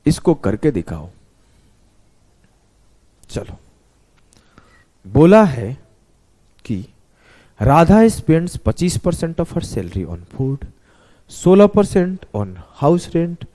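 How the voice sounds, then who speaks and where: A male math teacher with a slightly high, mellow voice that swings widely in pitch. He walks his students through each step in an animated, chatty way, often spelling words out letter by letter. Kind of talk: classroom lesson explanation.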